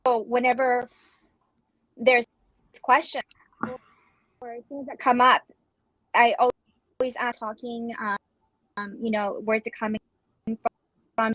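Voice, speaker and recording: A woman calling in by phone, sharing spiritual thoughts in a halting, rambling way, with her volume cutting in and out and dropping words. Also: a little high, fairly bright tone, dry recording, low-quality recording. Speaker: participant calling in.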